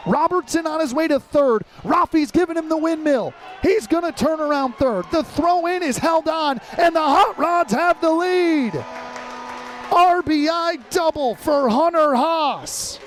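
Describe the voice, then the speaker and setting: A young American man with a very high voice calls baseball live as a radio play-by-play announcer, speaking a little slowly. His live sports commentary comes in clipped, descriptive phrases.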